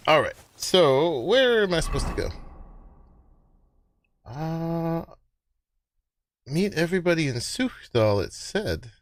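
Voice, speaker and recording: Animated man doing casual gameplay commentary. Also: on the high side, takes it slowly, pauses often, no echo. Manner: chatty, musing aloud. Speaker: gamer commenting on own play.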